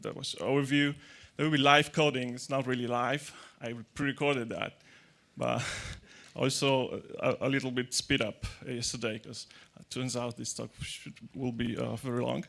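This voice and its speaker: Using a handheld mic, a conference speaker talks tech to an audience in a big darkened hall. His medium-pitched voice is level and a bit bright with vocal fry, at a moderate pace, and his style is chatty and joking, with faltering restarts and non-native grammar.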